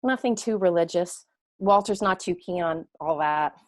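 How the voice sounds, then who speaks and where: An actress playing a gentle, starstruck grown daughter, defensive with her mother, in a period drama reading. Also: on the low side, moderate pace, close to an everyday voice. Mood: eager, hesitant.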